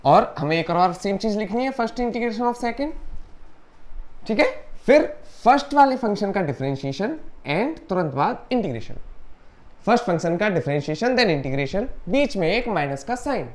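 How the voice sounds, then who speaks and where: A woman teaches a maths lesson step by step, explaining patiently and mixing English maths terms into her sentences. She reads formulas aloud slowly, word by word, in a medium-pitched voice with big pitch swings.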